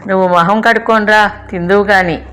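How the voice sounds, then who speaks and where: A woman's voice: mid-range voice, fairly even intonation, a little fast, fairly bright tone, soft background music, close to an everyday voice. An older woman voicing a kindly aunt with a coaxing, explaining manner.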